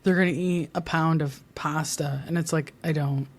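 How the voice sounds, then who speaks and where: A woman's voice: deep voice, steady tone, normal speed. A woman who works in marketing, a podcast guest who talks in a bubbly, rambling way with many fillers and frequent laughs. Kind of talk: casual podcast conversation.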